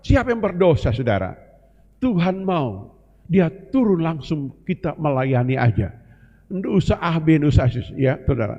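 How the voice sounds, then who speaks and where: A male pastor preaching a sermon to a congregation, often addressing them directly as brothers and sisters. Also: mid-range voice. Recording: long reverb, dull lo-fi sound, live broadcast.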